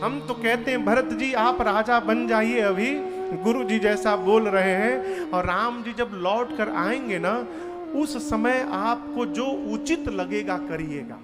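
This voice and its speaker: A man preaching a devotional story sermon, slow and emphatic, acting out dialogue and chanting verses. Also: high-pitched. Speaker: Ram Katha preacher. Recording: long hall reverb with faint music.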